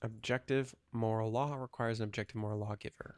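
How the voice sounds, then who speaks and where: A man's voice: on the low side, steady tone, a little fast, a little mellow. A man in his twenties rambling casually while playing a video game, thinking aloud with lots of fillers. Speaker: gaming channel host.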